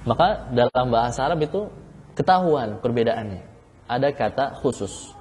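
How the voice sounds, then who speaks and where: Male ustadz lecturing, mellow voice, keeps repeating himself and asking the room questions, lots of hall echo. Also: medium pitch, lively intonation, normal speed, a little hiss or hum. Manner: explains by repeating key phrases, asks the class questions. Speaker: Islamic studies teacher. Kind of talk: classroom lecture on legal theory.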